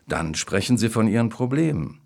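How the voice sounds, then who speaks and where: A man voicing a knowing, smooth-talking male pet shop clerk in a read-aloud story. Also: on the low side, sing-song, moderate pace, a little mellow, pitched above the performer's own voice, heavily acted.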